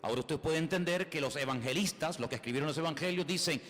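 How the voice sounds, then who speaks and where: A man's voice: on the high side, fast talker, fairly bright tone, big-room sound. A man with a Spain Spanish accent preaching a sermon as a pastor, emphatic, full of rhetorical questions and repeated phrases.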